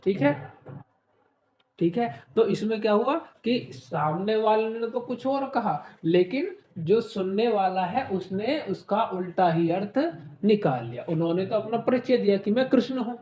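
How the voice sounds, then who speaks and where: Mellow-voiced Hindi exam-prep teacher. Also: mid-range voice, animated, measured pace, echoey room, slight background noise. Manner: asks rhetorical questions and says "ठीक है" often. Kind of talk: explanatory online class.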